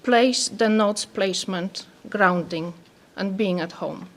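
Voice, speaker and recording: A woman from Poland with a Polish accent, an anthropologist speaking softly and carefully as she reads a prepared talk. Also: medium pitch, takes it slowly. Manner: soft-spoken, careful reading.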